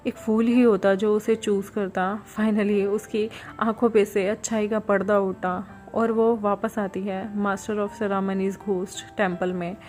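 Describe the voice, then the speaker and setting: A woman's voice: mid-range voice, flat delivery, unhurried, hardly any pauses, a little mellow. Woman retelling a story over music. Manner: plain conversational retelling with English words mixed in. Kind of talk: retelling a fan fiction story.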